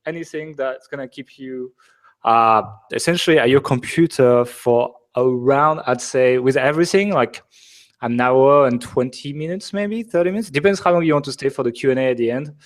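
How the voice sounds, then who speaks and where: A man's voice: medium pitch, moderate pace. Chatty French-accented man hosting a webinar. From France. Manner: chatty, joking, many fillers. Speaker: webinar host. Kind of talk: casual live webinar chat.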